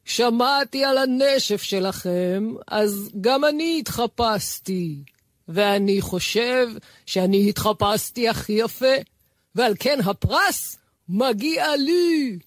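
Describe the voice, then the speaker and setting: A woman's voice: low voice, very animated, dark tone, husky, no room sound, pitched below the performer's own voice, full character voice. A woman doing a sly smug fox in camel disguise. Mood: gloating. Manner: slow, drawn-out, smug speech. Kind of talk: storybook reading.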